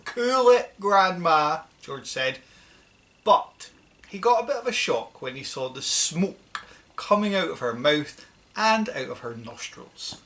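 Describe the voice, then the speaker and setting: A woman narrating a children's storybook with an expressive, dramatic reading. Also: extremely low pitch. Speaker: audiobook narrator.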